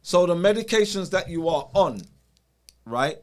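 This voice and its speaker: A man's voice: high-pitched, expressive, measured pace, a little mellow. A man hosting a wellness consultation over a video call, explaining things in a casual way and often checking in with "you know" and "right?". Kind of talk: casual advisory chat.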